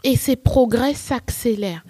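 A woman's voice: a little high, measured pace, no echo. A woman talking as a podcast guest, telling stories with energy and acting out quotes. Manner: animated storytelling, acts out quotes. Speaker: guest, English-teaching entrepreneur. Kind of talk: casual podcast conversation.

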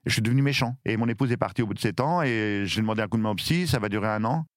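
A man in his fifties from France, telling his story in an interview with lively, emphatic delivery. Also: on the low side, rapid-fire, dry recording, studio quality. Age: 50s. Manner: lively, emphatic, acts out shouted quotes. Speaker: interview guest.

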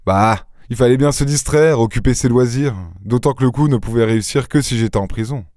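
A man reading a story aloud, voicing a suave, witty gentleman-thief who talks in a playful, ironic and airy way. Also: medium pitch, fairly quick, no room sound, studio quality, lightly acted. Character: suave witty male gentleman-thief, mocking and self-assured.

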